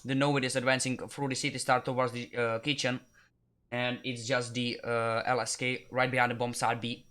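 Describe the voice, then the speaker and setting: A man calling a live esports match in steady play-by-play, often correcting himself mid-sentence. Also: medium pitch, normal speed. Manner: steady running commentary with frequent self-corrections. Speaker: esports caster. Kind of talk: live play-by-play game commentary.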